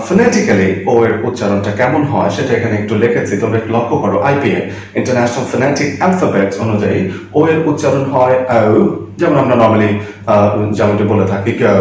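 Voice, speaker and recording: A man teaching English grammar, slowly repeating words and answering his own questions. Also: mid-range voice, darkish tone, distant mic, a little hiss or hum. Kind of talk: classroom grammar lesson. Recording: very echoey room, voice away from the mic.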